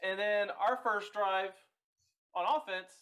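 A man's voice: high voice, fairly even intonation, slow, fairly bright tone, clear, resonant tone, poor audio. A young man co-hosting a sports podcast, talking bluntly with slang and casual swearing. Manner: blunt, slangy, cursing freely. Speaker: podcast co-host.

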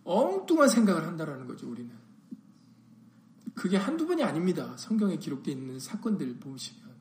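A man's voice: fairly high pitch, sing-song, brisk, a little mellow, roomy sound, slight background noise. A man pastor preaching a sermon, full of rhetorical questions and acted-out quotes.

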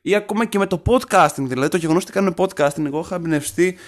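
A young man from northern Greece co-hosting a podcast in casual chat, teasing and often restarting his sentences. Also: high-pitched. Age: young adult. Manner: chatty, teasing, trails off and restarts. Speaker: podcast co-host.

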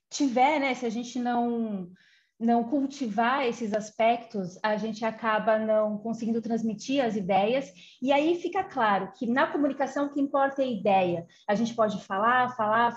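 A woman with a fairly high voice gives an informal lecture, explaining patiently and checking in with little tag questions. The audio is somewhat muffled and lo-fi. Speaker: communication guidance speaker.

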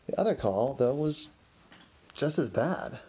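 A man hosting a story podcast improvises a tale in a loose, rambling, conversational way, acting out characters' lines with exasperation. His mid-range voice is sing-song and warm with a breathy edge, delivered at a measured pace.

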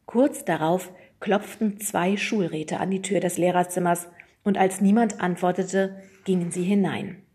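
A woman reading a children's storybook aloud, narrating lively and putting on voices for the characters. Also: on the low side, measured pace. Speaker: audiobook reader.

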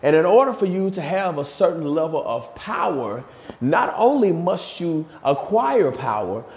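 Earnest, slightly winded motivational coach. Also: male voice, sits high, darkish tone. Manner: earnest, repetitive preaching cadence with many fillers. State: a bit out of breath. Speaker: podcast host and motivational coach. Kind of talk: motivational podcast talk on leadership.

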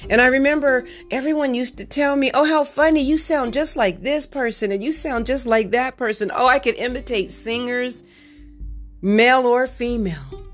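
A middle-aged woman hosting a podcast, telling a personal story in an earnest, candid and reflective way. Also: medium pitch. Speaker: podcast host.

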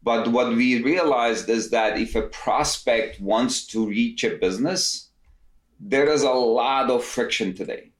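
A man's voice: medium pitch, measured pace. A man in his fifties from Turkey, a company founder explaining his background as a guest in a casual interview, often restarting his phrases. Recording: roomy echo.

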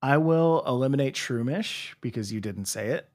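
Animated young man guessing aloud. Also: mid-range voice, normal speed. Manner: playful, hesitant, imitates sounds. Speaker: quiz player. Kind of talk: casual chat.

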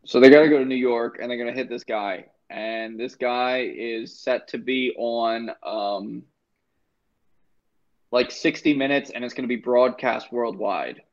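A man's voice: medium pitch, measured pace, highs cut off. A man in casual chat, animatedly retelling a film plot with emphatic recaps.

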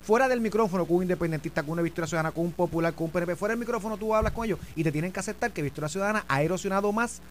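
Fast-talking puerto rican guy hosting a politics show, high voice, faint hum behind, keeps talking over his cohost. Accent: Puerto Rican Spanish. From Puerto Rico. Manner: animated and argumentative, talks over his co-host. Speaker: political talk show host. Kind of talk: political commentary chat.

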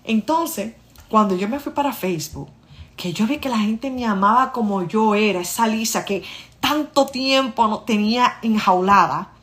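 Woman in her 30s, casual storytelling vlogger, animated, speaks straight to her audience. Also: a little high, moderate pace. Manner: animated, addresses listeners directly, acts out dialogue.

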